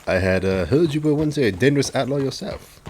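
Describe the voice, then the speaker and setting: A man's natural, mid-range voice, fairly quick and with slight background noise, belongs to an actor in a radio drama. He plays a friendly, earnest Mexican lawman who stays courteous and chuckles as he probes in a lively, genial way.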